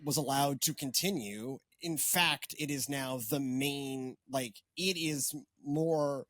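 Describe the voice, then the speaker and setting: A man's voice: medium pitch, slow, fairly bright tone, no room sound. A man in his twenties or thirties, a pastor hosting a podcast, in casual chat, rambling and wry with many fillers and restarts. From Texas.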